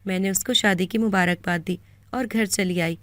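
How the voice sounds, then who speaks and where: A woman with a Pakistani Urdu accent narrating a first-person moral story in a steady, earnest way. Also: medium pitch, dry recording.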